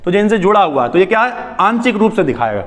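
A man teaching a chemistry lesson in a lively, chatty way, asking questions and answering them himself. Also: sits high, fast, big-room sound. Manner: asks and answers his own questions, chatty asides. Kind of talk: lively classroom lecture.

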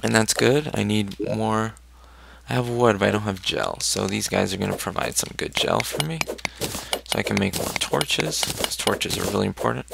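Gravelly-voiced man narrating his gameplay. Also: fairly low pitch, normal speed. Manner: chatty, thinks aloud, talks to his character. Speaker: let's play gamer. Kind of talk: casual gameplay commentary. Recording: noisy home recording with keyboard clicks. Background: loud keyboard clicks and typing.

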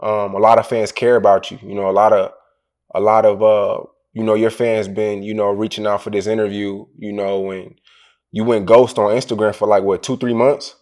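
A man asks questions in a loose, rambling way, circling back over his words. His voice sits on the low side. His tone is casual and conversational. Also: flat delivery, normal speed, a little mellow. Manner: rambling, many fillers and restarts. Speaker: interviewer. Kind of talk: casual interview.

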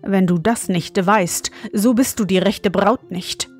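A woman's voice: mid-range voice, slow, faint music behind, natural voice. A woman voicing an earnest young king's son in a fairy tale, asking probing questions. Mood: stern.

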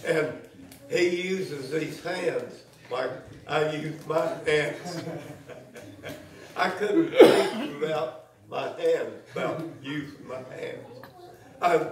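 A man closing a church service with slow, folksy, chuckling exhortation. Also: a little high, very animated, noisy background. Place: church sanctuary. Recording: echoey church from a distance.

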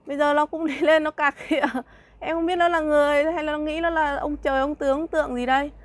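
A young woman vlogger rants at a rival in a high, piercing voice. She mocks and scorns him, breaks into laughter between jabs and keeps firing rhetorical questions. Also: fairly even intonation, fast talker. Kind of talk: heated monologue addressing a rival.

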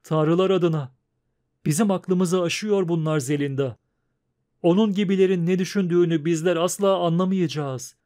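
Man playing a boisterous merchant, loud, boastful, high and bright, audiobook figure. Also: moderate pace, natural voice. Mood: joyful. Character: boisterous middle-aged male merchant.

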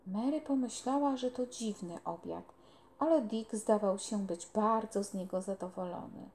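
A woman reading a children's novel aloud in a calm, unhurried way. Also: mid-range voice. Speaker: storyteller.

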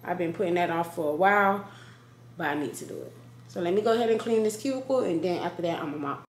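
A chatty young woman vlogs at home, talking straight to a close-range handheld or propped camera in her apartment kitchen and living room, slangy and animated in casual narration. Her voice is lowish and quick, with a little hiss or hum, echo in the room, and faint ambience.

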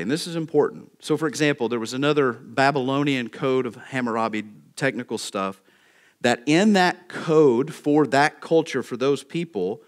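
A male pastor with a mid-range voice preaches a sermon, setting out numbered points with emphasis. He checks in with the congregation by asking "okay?"

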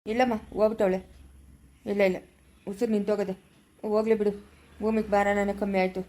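A woman's voice: medium pitch, level tone, brisk, a little mellow, close to an everyday voice. A woman playing a stern, dismissive male village healer, speaking blunt in an amateur village drama. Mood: grim. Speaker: village pandit in a home-made drama.

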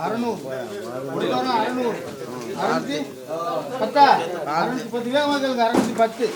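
A man working as a fish auctioneer, rattling off rising bids in a fast sing-song chant at an outdoor village market. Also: very high voice. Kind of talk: rapid auction calling. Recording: echoey, loud crowd around.

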